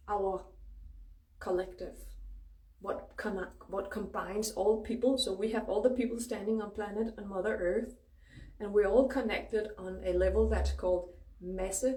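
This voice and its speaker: Hosting an informal spiritual talk, a native Danish woman speaks with a Danish accent, emphatic and liberal with swearing. Her voice is medium in pitch and mellow, captured by a far microphone with roomy echo.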